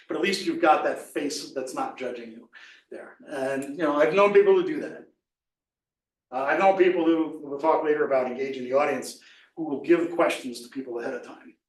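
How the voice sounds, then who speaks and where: A man leading a workshop on presentation skills, talking casually and loosely with many fillers and restarts. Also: on the high side. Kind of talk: casual live workshop talk. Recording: echoey room from far off.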